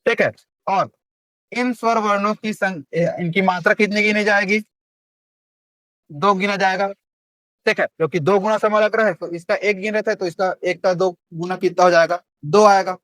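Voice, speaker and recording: A man's voice: sits high, steady tone, moderate pace, a bit bright, no room sound, clean studio sound. A young man teaching Hindi grammar in a classroom, with a Chhattisgarhi Hindi accent, who asks the class questions and answers them himself.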